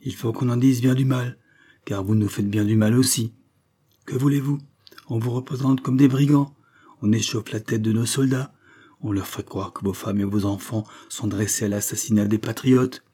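A man's voice: medium pitch, fairly even intonation, moderate pace, warm tone, breathy edge, natural voice. A man reading the part of a frightened, wounded republican stranger who speaks in a theatrical, effusive way. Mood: anxious.

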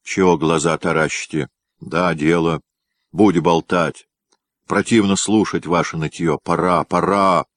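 A man voicing an angry, scornful boyar whose voice is hoarse with rage, in an audiobook reading. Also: deep voice, steady tone, unhurried, dry recording. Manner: scornful, blunt.

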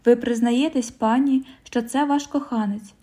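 A woman's voice: fairly high pitch, fairly even intonation, dark tone, lightly acted. A woman reading as a stern police commissioner. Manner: formal, measured questioning. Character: stern middle-aged male police commissioner.

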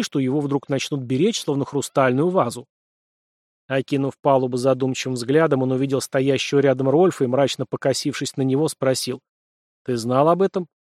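Steady male audiobook narrator, dry sound. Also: mid-range voice, no room sound. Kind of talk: scripted narration.

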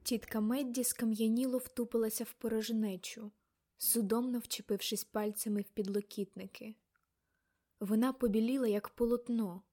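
A woman narrating a young-adult novel as an audiobook, in a measured, expressive storytelling manner. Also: fairly high pitch.

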